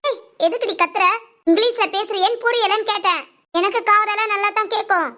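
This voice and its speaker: Voicing a fussy, aching elderly mother-in-law in a Tamil family cartoon, a woman speaks in an extremely high, sharp voice at a slightly fast pace. She grumbles, complaining and chiding.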